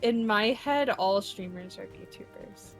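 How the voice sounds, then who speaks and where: A woman's voice: medium pitch, slow, gravelly, soft background music. Chatty woman gaming on stream. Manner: chatty, rambling with fillers and restarts. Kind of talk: casual chat while gaming.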